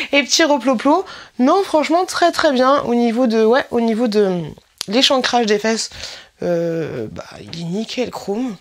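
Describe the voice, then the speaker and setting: A woman, chatting casually in a try-on vlog, often correcting herself and filling pauses. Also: a little high. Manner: chatty, self-correcting, many fillers. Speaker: vlogger reviewing swimsuits.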